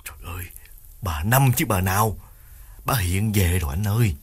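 A man's voice: fairly low pitch, normal speed, close to an everyday voice. A male narrator voicing a frightened young man who begs his older brother in a shaky, half-whispered voice. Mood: frightened, pleading. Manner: trembling, pleading, half-whispered.

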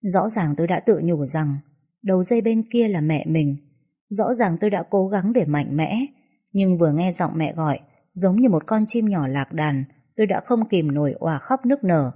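A woman narrating a first-person story in a soft, sorrowful way. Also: lowish voice, animated, normal speed, breathy edge.

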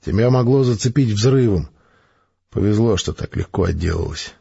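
A man playing a gruff, dryly teasing male space major. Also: lowish voice, lively intonation, normal speed, dark tone, lo-fi sound, full character voice.

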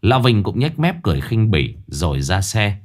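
A man's voice: lowish voice, big pitch swings, moderate pace. A man narrating a ghost story in a dramatic, action-filled telling.

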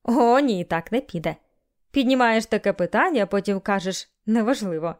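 A woman's voice: medium pitch, expressive, moderate pace, natural voice. Audiobook figure: cheerful young man teasing his friend, voiced by a woman narrator, light touch. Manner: playful teasing.

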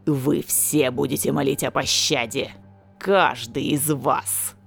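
A woman voicing a young man possessed by darkness, speaking in a slow menacing growl. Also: extremely low pitch, fairly even intonation, gravelly, slightly rough, soft background music, pitched below the performer's own voice, exaggerated voice. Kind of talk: audiobook character voice.

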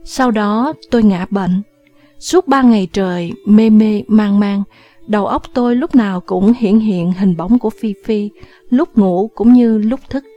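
A woman reading a novel aloud as an audiobook narrator, in a measured storytelling manner. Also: mid-range voice, highs cut off. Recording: faint background music.

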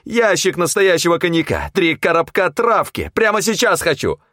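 High shrill crazed scavenger, yelling and begging, dry audiobook sound. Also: male voice, wildly swooping pitch, normal speed, dry recording, full character voice. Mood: frantic shrieking. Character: frantic ragged young male scavenger, shrieking.

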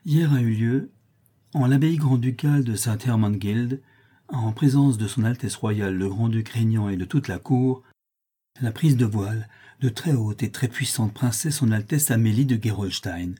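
Dark, husky male audiobook narrator. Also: medium pitch. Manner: measured, solemn.

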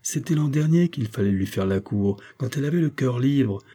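A man's voice: medium pitch, expressive, moderate pace, mellow, voice pushed up, natural voice. A man reading a story voices a loyal older housemaid who speaks bluntly and scolds. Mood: scolding. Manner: blunt, plain-spoken scolding.

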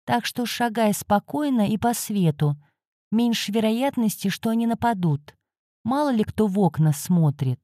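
A woman's voice: fairly high pitch, lively intonation, moderate pace, dark tone, no echo, studio quality, voice pushed up. A woman voicing a grumpy, sarcastic male cat guardian who hisses and scolds. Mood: scolding. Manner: hissing, scolding.

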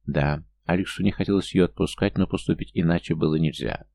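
Male audiobook narrator, deep and gravelly, mellow dark tone. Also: a little fast, slight background noise. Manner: reads every character's lines himself, lifting his pitch for younger or smaller figures. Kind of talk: scripted fantasy narration.

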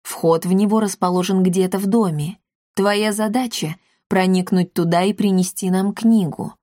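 A woman voicing a commanding male talking cat who leads a gang, speaking in a low, deliberate storybook manner. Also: steady tone, warm tone, dry recording, studio quality, natural voice. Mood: scheming. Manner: commanding, growling threats.

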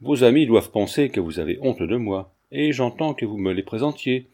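A man voicing a proud, sharp-tongued young countess with a curt, demanding manner in an audiobook. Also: medium pitch, expressive, normal speed.

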